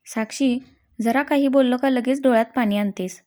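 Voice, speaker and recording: A teasing young husband in a family story, pitched a little low and soft, as a woman narrator puts him on. His tone is warm and mellow, with playful fondness that turns short-tempered. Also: normal speed, lightly acted. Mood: irritated.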